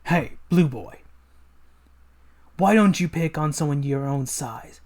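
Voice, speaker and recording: A wisecracking young cartoon hero, acted by a man reading a comic. The voice sits a bit high. He is brash, punchy and taunting. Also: lively intonation, slow, a little mellow. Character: cocky wisecracking young cartoon animal heroes. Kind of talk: dramatic comic read-along.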